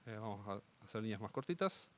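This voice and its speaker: A man's voice: on the low side, expressive, fast, a bit bright, slight background noise. A young man with an Argentine Spanish accent giving a live coding talk, checking in with his audience often. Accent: Rioplatense Spanish. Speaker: conference speaker.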